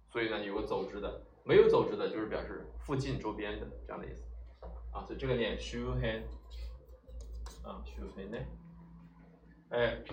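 A man teaching a vocabulary lesson, leading his students through each word with rhetorical questions and drawn-out fillers. He sits some way from the microphone, so his voice carries a roomy echo. A faint ambient hum stays underneath. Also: on the low side, far from the mic. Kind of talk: explaining Japanese vocabulary in Chinese.

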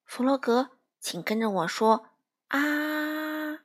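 A woman voicing a wise, serious hare in a children's storybook, speaking slowly and soothingly. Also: fairly high pitch. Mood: instructive.

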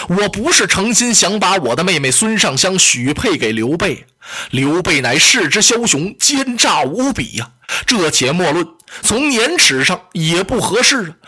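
A male storyteller voicing an anxious young king pleading with his angry mother in a flustered, hurried way. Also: sits high, sharp tone, husky, heavily acted.

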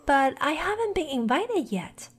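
A woman's voice: sits high, big pitch swings, measured pace, faint music behind, voice pushed up. A woman voicing a polite, timid young girl in a storybook reading, speaking in a raised, careful questioning voice.

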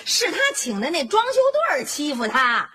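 Bold sitcom wife, high voice that swings all over, noisy tv audio. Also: female voice, moderate pace. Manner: bold, sharp-tongued, animated. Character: brash feisty wife, the family tigress. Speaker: wife and stepmother in a family sitcom.

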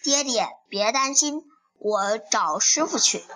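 A woman's voice: a little high, expressive, takes it slowly, bright, forceful tone, a little hiss or hum, heavily acted. A woman voicing a bold, mischievous young boy hero in a storybook reading, defiant and cheeky. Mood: cheerful.

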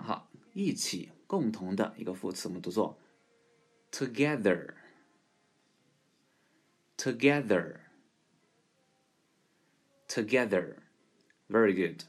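A man hosting an English pronunciation lesson, showing how to say each word slowly and repeating it several times. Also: fairly low pitch, a little mellow, husky. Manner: demonstrates words slowly and repeats them. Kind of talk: slow spoken language lesson.

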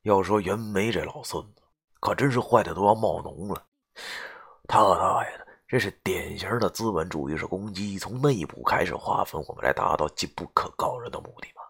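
Deep gravelly male storyteller. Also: animated, a little fast, a bit bright. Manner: gruff, coarse, swearing storyteller. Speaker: audiobook narrator. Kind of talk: first-person novel narration.

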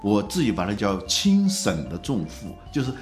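A man with a fairly low voice tells stories in a conversation, his pitch rising and falling a lot. Faint music plays behind him. He slows down when he recites classical lines. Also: wildly swooping pitch. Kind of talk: conversational storytelling.

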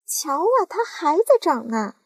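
A woman voicing a shrill, bossy, greedy aunt who shrieks and scolds in a storybook reading. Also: sing-song, unhurried, darkish tone, dry recording, clean studio sound. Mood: shrieking.

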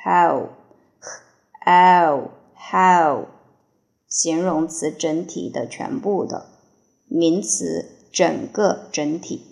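A woman's voice: low-pitched, extremely slow, vocal fry, long pauses, darkish tone. A woman teacher reading English vocabulary for dictation, spelling and repeating each word before giving its meanings.

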